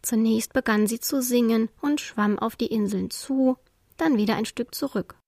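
A woman narrating a children's storybook in a calm, expressive way. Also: fairly high pitch, moderate pace, gravelly, no echo, studio quality.

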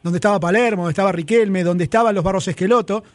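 A man's voice: high-pitched, fast, no room sound. A man with an Argentine accent, a sports radio commentator who repeats his points in an emphatic, lecturing way during a heated studio debate. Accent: Argentine Spanish.

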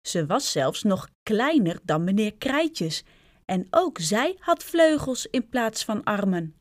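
Expressive woman reading to children. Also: mid-range voice, takes it slowly, dry recording, studio quality. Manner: expressive, addressing children directly. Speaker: storyteller reading a children's book aloud. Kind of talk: children's storybook read-aloud.

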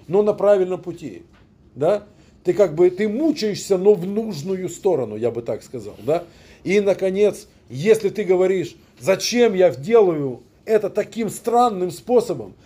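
A man's voice: sits high, mellow, husky. A man, a rabbi, giving a conversational lecture, often turning to the listeners with questions.

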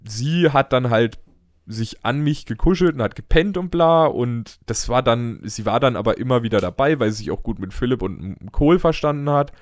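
A man's voice: mid-range voice, animated, normal speed, no room sound. A man hosting a podcast in casual, rambling chat, full of jokes. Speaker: podcast host.

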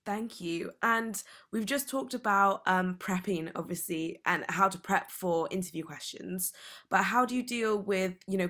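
A woman's voice: on the low side, a bit bright. A woman podcast host asking a guest questions in a casual, hesitant way.

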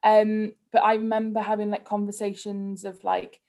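A woman's voice: mid-range voice, flat delivery, normal speed, darkish tone. A woman from Cardiff with a Cardiff Welsh accent, chatting casually and candidly as a podcast guest, often dropping in "like". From Cardiff, Wales. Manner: candid, conversational, heavy use of "like". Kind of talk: casual personal interview chat.

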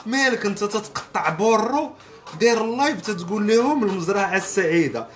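Animated sarcastic Moroccan man. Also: high voice, a little fast, faint music behind. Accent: Moroccan Arabic. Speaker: podcast host. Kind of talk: comedic rant commentary.

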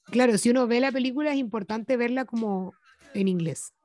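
Agreeable young Chilean woman, highish voice. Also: fairly quick, dark tone, faint music behind. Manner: slangy, agreeable, backs up her co-host. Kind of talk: casual chat.

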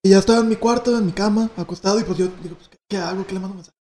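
A young Mexican man tells a story among friends, quick and excitable, sprinkled with slang and swearing. His voice sits high for a man, and he rattles along at speed. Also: echoey room. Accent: Mexican Spanish.

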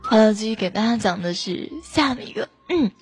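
A woman hosting a live joke show, playful and teasing, with quick asides to her listeners. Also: medium pitch, expressive, faint music behind. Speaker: host.

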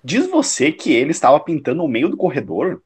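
A man playing a shrewd, self-assured detective in a radio drama, analytical, probing and slightly condescending in a measured delivery. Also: a little high, huge pitch swings, darkish tone, husky, exaggerated voice.

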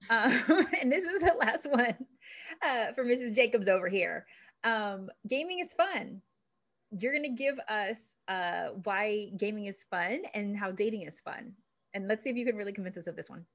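A woman hosting a podcast as a relationship expert, upbeat and quick to laugh, speaking to her guest and listeners. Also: medium pitch, lively intonation. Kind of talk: casual interview chat.

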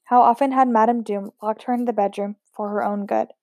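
Woman reading a novel aloud, mellow and dry. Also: medium pitch, brisk, dry recording. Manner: steady, unpolished reading with occasional slips and restarts. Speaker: audiobook reader.

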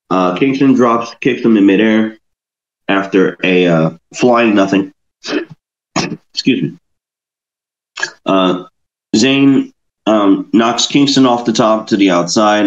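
Man recapping wrestling matches, lo-fi audio. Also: fairly low pitch. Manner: recaps match play-by-play, stumbles and self-corrects. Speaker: podcast host. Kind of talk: casual wrestling review podcast.

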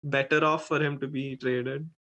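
A man on a casual sports podcast, matter-of-fact and unbothered, with halting restarts. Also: mid-range voice, flat delivery, fairly bright tone. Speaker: podcast co-host.

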